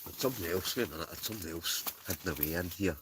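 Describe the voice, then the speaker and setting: A man's voice: deep voice, racing, noisy background. A Scottish man chatting casually to livestream viewers in a rambling, chuckling, easily sidetracked way. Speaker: livestream host. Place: inside a tent.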